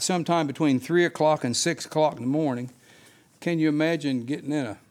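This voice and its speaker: Male Bible study teacher, fairly high voice, unscripted sermon delivery with rhetorical questions. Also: a little mellow.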